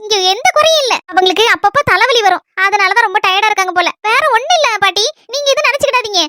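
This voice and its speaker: A woman's voice: extremely high pitch, expressive, quick pace, bright, forceful tone, dry recording, studio quality, heavily acted. A woman voicing a cheerful young married granddaughter in a cartoon, chatty and reassuring, with a Kanyakumari Tamil accent. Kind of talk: cartoon voice acting.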